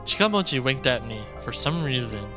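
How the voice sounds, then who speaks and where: With game music playing behind him, a streamer reads a visual novel's story text aloud and mixes in his own remarks. He speaks a little fast, in an expressive, medium-pitched voice.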